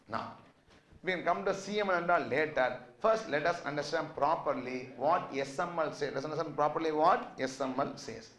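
Higher-voiced Tamil-accented man teaching, echoey room. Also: moderate pace, a bit bright. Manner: quizzing, repeatedly asking questions and checking understanding. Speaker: finance lecturer. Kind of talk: interactive classroom teaching. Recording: echoey classroom sound.

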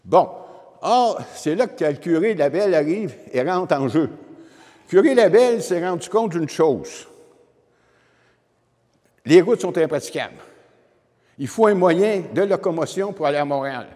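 In a wood-panelled lecture room, a man in his seventies with a Quebec French accent explains history informally to the audience, holding a microphone. His voice is fairly high yet dark in tone, and he's animated but unhurried, pausing often. The sound is reverberant, like a hall.

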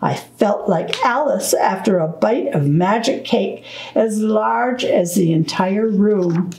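A woman reading a children's book aloud at storytime, slow, deliberate and gentle. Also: medium pitch, lively intonation, gravelly, roomy sound, slight background noise, rough recording. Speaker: storytime reader.

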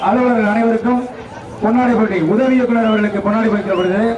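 Tamil nadu man doing event announcements on a pa loudspeaker, really high voice, far off and echoey. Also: steady tone, quick pace, noisy background. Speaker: jallikattu announcer. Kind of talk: formal event announcements and commentary. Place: outdoor bull-taming arena. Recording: distant echoey PA over crowd. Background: crowd.

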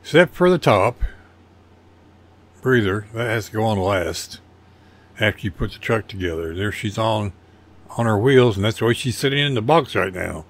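Folksy older man, lowish voice. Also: expressive, normal speed, long pauses. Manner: rambling, folksy, self-deprecating. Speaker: model car builder. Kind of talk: casual narration over build photos.

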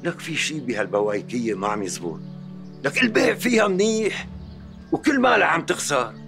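An actor playing a stern, hot-tempered Syrian father who shouts and lays down the law at home, speaking with a Syrian Arabic accent. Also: a little high, very animated, brisk, creaky, soft background music, exaggerated voice. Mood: exasperated. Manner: shouting, harsh and domineering. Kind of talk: TV drama acting.

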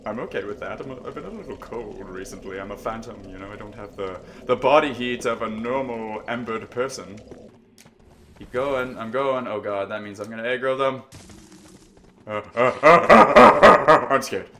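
A man giving let's play commentary, muttering quietly and then yelping, screaming and laughing when startled. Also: on the low side, a little fast, a little hiss or hum. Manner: quiet, mumbled asides between outbursts. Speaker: gaming channel host. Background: game music.

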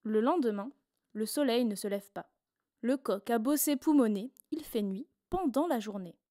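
A woman reading a children's story aloud in a playful, expressive storyteller manner. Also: on the high side, normal speed, no echo, clean studio sound.

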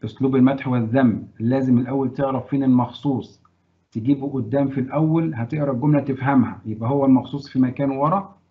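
A man's voice: medium pitch, fast. Egyptian male teacher, tinny lo-fi sound. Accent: Egyptian Arabic. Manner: animated, quizzing students and praising answers. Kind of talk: classroom grammar lesson.

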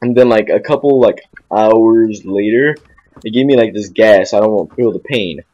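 A man's voice: on the low side, moderate pace, mellow, lo-fi sound. A young man telling a rambling story in casual chat, repeating "I'm like" and laughing at himself. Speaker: podcast co-host.

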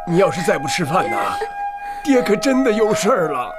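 A man's voice: high voice, wildly swooping pitch, moderate pace, over loud music. An actor playing a worried old father who pleads with and coaxes his daughter in a period TV drama. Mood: coaxing. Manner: pleading, coaxing.

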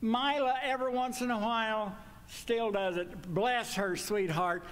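An older man delivers a sermon from a church pulpit. His voice sits a little high, and he talks in a folksy, chatty way. It jumps higher still when he gets emphatic. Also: fairly even intonation, measured pace, a bit bright. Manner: folksy, conversational, pitch swings up when emphatic. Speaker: preacher. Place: church sanctuary with pews. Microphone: stand mic at pulpit.

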